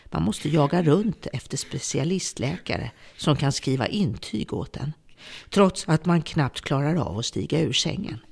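A woman's voice: low voice, lively intonation, vocal fry, slightly rough, heavily acted. A woman playing a bitter, vengeful captor. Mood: grim. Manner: bitter, brooding monologue turning to hushed menace. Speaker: embittered former home care worker holding a captive. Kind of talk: radio drama acting.

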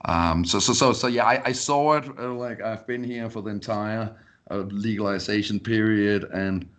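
A man's voice: fairly low pitch, normal speed, a bit bright. A man from Denmark, a podcast guest, talking casually and often repeating words as he restarts sentences. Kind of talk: casual interview talk. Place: Colorado.

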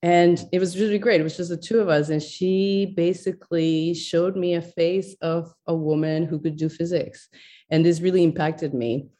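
Middle-aged woman from ecuador, scientist in an interview, dark mellow tone, lots of you knows. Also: on the low side, steady tone, moderate pace. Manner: thoughtful, with many fillers and restarts. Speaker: neuroscientist guest.

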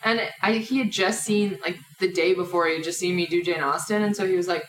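A woman chatting casually as a podcast guest, lively and laughing, often dropping into quoted voices. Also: on the low side, brisk, recorded from a distance. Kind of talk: casual chat. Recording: echoey room, somewhat off-mic, faint hiss.

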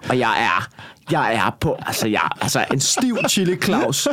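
A man, a stand-up comedian telling a story in casual conversation and swearing a lot. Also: medium pitch. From Copenhagen. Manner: swears a lot, heated and animated when retelling.

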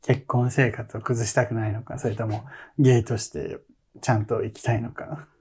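A man from Nagasaki, Japan, chatting loosely as a podcast co-host. His voice is very breathy and husky, and he breaks into laughter and playful asides often. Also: mid-range voice, level tone, moderate pace, a little mellow. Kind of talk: casual chat.

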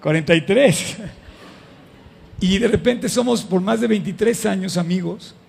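Middle-aged pastor, husky gravelly voice, chatty sermon that keeps questioning the room. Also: male voice, sits high, measured pace, in a large hall. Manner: animated and conversational, addresses the audience with questions. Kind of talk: lively sermon to a live congregation.

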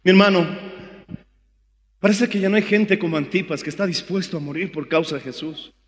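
A man with a Bolivian accent preaching a sermon as pastor, fervent and rising to shouts. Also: high voice, fairly quick, big-room sound. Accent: Bolivian Spanish.

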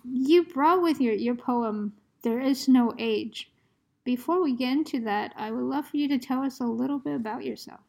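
A woman's voice: high voice, moderate pace, creaky. Attentive woman hosting a podcast. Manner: attentive, soft listening murmurs. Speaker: podcast host.

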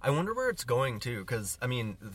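A man's voice: mid-range voice, sing-song, brisk, crowd noise. Man, podcast co-host, rambling, trails off, swears a bit, casual. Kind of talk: casual chat, film review.

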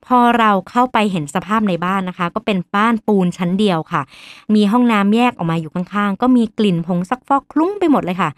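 A woman doctor hosting a podcast who tells a story in a lively way and acts out the voices of the people in it. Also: mid-range voice, fairly quick, no echo, studio quality.

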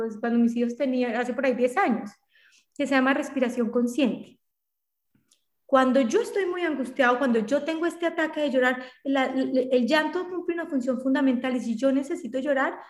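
A middle-aged woman psychologist explaining things earnestly in a conversational interview, with frequent restarts. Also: high-pitched. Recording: roomy echo.

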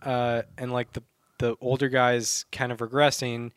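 A man co-hosting a laid-back sports podcast, his voice smooth and clear. He talks hesitantly, full of ums and restarts, recorded on a dry, close mic with no room sound. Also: medium pitch, level tone, unhurried, no echo. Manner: hesitant, many fillers and restarts. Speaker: podcast co-host. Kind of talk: casual sports chat.

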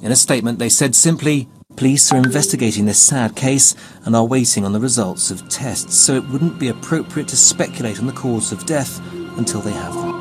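A man's voice: mid-range voice, a little fast, music in the background. A man delivering a scripted television news report as a reporter.

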